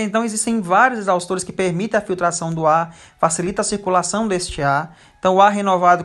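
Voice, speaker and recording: Teacher doing a slide lecture, keeps going "é, né", mid pitch. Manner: frequent hesitation fillers. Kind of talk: recorded lecture over slides.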